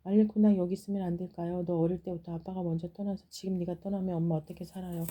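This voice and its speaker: A woman voicing a poor, loving old fisherwoman mother in a folktale, speaking gently and pleadingly. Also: on the low side, level tone, fast talker, natural voice.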